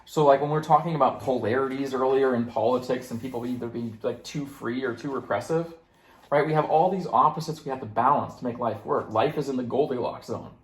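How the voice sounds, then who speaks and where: A man's voice: medium pitch, brisk, roomy sound. A man hosting a casual conversation, explaining ideas at length with many fillers and playfully acting out quoted voices. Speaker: host.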